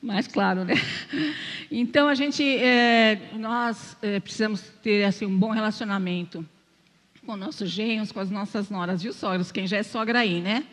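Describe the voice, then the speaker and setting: A woman's voice: mid-range voice, moderate pace, in a large hall. An older woman with a Brazilian accent gives a chatty, conversational church message, mixing personal stories and self-deprecating humor and often checking in with her listeners. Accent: Brazilian Portuguese. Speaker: lay speaker at church. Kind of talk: conversational sermon with personal testimony. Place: church sanctuary.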